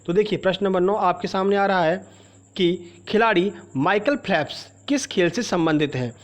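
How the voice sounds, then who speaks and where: A man's voice: sits high, moderate pace. A man teaching a general-knowledge quiz for exam preparation, reading out each question and its options, then explaining the answer to the viewer. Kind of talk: exam-prep quiz lesson.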